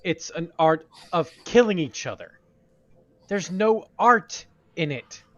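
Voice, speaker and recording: Slow-talking disdainful tabletop player man. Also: fairly high pitch, expressive, fairly bright tone, no echo. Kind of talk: in-character tabletop chat. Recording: dull lo-fi with faint music.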